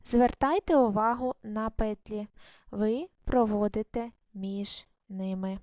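A woman's voice: mid-range voice, fairly even intonation, takes it slowly, a little mellow, no room sound. A woman teacher giving a recorded video lesson, patiently guiding young pupils through handwriting step by step with frequent praise. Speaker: primary school teacher.

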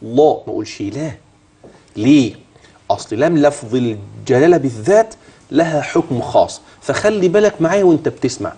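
A middle-aged man with an Egyptian Arabic accent gives a televised tajweed lesson, quizzing viewers and demonstrating slow chanted recitation. His voice is medium-pitched, dark and husky, and his delivery is animated.

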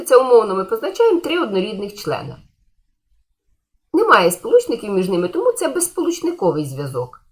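A woman teacher giving a patient grammar lesson to schoolchildren, repeating key points and asking the class questions. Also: a little high.

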